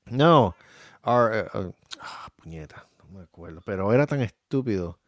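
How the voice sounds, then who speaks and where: Lively Puerto Rican man, dry sound. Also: on the low side, normal speed, no echo. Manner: heated, swearing, lively. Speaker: podcast co-host. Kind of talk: casual chat.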